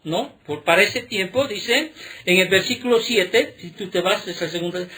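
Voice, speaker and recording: A male pastor preaching a sermon, throwing rhetorical questions at the congregation and checking in with "¿sí?", stressing key words slowly. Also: sits high, sharp tone. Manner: emphatic, drawn-out key words.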